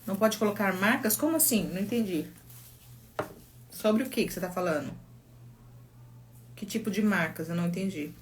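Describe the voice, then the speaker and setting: A woman's voice: on the low side, expressive, moderate pace, pauses often, a little mellow, slight background noise. A middle-aged woman with a Brazilian Portuguese accent, a psychologist chatting casually on a phone live stream, telling stories and reading viewer comments aloud.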